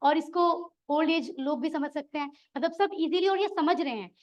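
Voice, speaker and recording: A woman's voice: high voice, normal speed, a little mellow, muffled recording. A woman teaching a Quran Arabic class, encouraging her students and quizzing them. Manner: encouraging, asks the class questions. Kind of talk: classroom lesson.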